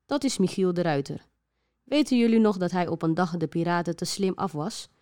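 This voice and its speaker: A woman voicing government leaders in a children's story, loud and proclaiming. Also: on the low side, expressive, fairly quick, clean tone, dry recording, studio quality, natural voice. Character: solemn government officials addressing the nation.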